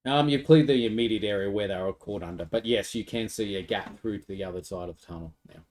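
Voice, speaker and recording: A man narrating a tabletop game as game master, easygoing and quick to laugh. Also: lowish voice, darkish tone. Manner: easygoing, laughs between descriptions.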